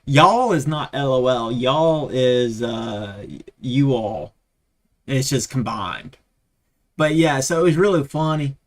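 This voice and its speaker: A man's voice: medium pitch, expressive, takes it slowly. Man from Texas, live-stream host, casual chat, rambling, talkative. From Texas, USA. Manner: rambling, chatty, side comments between anecdotes. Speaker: livestream host.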